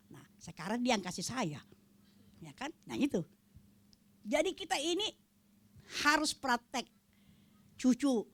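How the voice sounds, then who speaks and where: Animated older woman giving testimony. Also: mid-range voice. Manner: animated, acts out quoted voices, drops to a whisper for emphasis. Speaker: testimony speaker at prayer fellowship.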